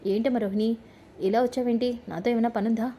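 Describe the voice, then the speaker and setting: A domineering middle-aged mother-in-law who scolds and hurls insults in a loud voice, as a woman narrator puts her on. The voice sits a little high with a mellow, warm tone, from a serial-recap storybook reading. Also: fairly even intonation, fast, a little hiss or hum, close to an everyday voice. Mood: questioning.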